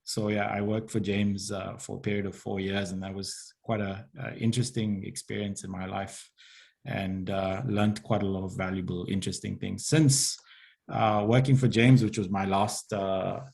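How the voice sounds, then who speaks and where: Hesitant man, lowish voice. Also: little pitch movement, normal speed, gravelly, a little mellow. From South Africa. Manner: hesitant, many filler sounds. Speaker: webinar presenter, investment advisor. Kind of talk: online business webinar talk. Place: home or office in London, remote.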